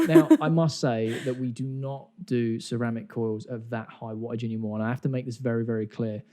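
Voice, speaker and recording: A man's voice: medium pitch, steady tone, fairly quick, warm tone. A man hosting a podcast, explaining things in a casual, chatty way. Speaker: podcast host.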